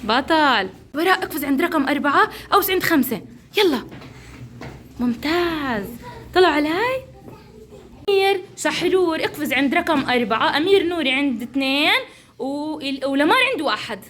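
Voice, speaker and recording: Bright high-pitched preschool teacher. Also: female voice, animated, brisk, a little hiss or hum. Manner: encouraging, coaxing, praising children. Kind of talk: classroom counting game.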